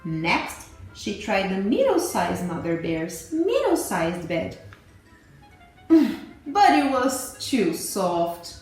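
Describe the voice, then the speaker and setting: A woman, a teacher, reading a story aloud to children in a slow, animated, sing-song way. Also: mid-range voice. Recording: very echoey room, faint music.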